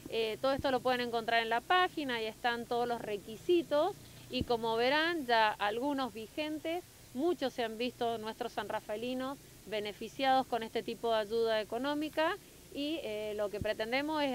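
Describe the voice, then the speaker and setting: Woman official, slightly high voice. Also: a little hiss or hum, poor audio. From Argentina. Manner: informative, with frequent fillers and restarts. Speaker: municipal culture official. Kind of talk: statement to local TV news.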